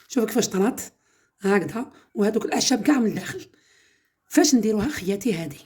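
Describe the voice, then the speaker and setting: A woman's voice: medium pitch, dark tone. A woman with an Algerian Arabic accent hosting a home cooking channel, chatting through a home-remedy demonstration and often calling her viewers "my sisters".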